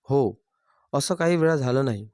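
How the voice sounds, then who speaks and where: A man's voice: mid-range voice, lively intonation, normal speed, a little mellow, no echo, lightly acted. A man voicing a confused young husband who asks questions, in a dry recording. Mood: puzzled.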